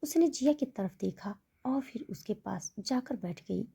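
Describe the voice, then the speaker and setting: A woman narrating a serialized romance story in a steady, expressive storytelling manner. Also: fairly high pitch, measured pace, creaky, husky.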